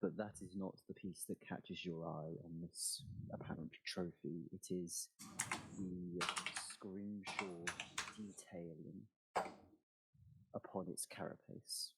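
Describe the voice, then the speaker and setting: Slow, low, gravelly male game master. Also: steady tone, heavy background noise. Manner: deliberate, halting delivery with dramatic pauses. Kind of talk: narrating a tabletop fantasy game.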